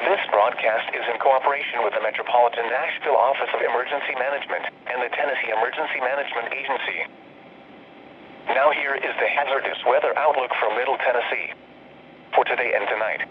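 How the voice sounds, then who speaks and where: A tinny, narrow-band radio signal with noise carries a synthetic male announcer. He has a medium-pitched voice and reads weather information in an impersonal, formulaic way, item by item in separate segments. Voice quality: synthetic text-to-speech voice. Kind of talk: scripted weather broadcast readout.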